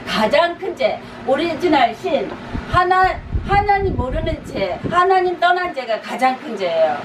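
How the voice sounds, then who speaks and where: A woman's voice: high voice, very animated, unhurried. A woman pastor giving a conversational teaching sermon, repeating short urging exhortations with light laughs. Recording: echoey, distant, noisy room.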